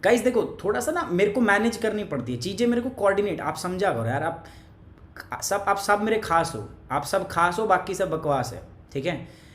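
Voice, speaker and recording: A male teacher with a high, expressive, fairly bright voice runs a chatty live online class at a moderate pace, teasing viewers by name. He has a cough, and the room sounds echoey.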